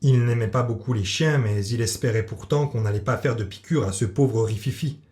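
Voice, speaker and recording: A man narrating a children's audiobook in a lively, expressive way. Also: mid-range voice, a little fast.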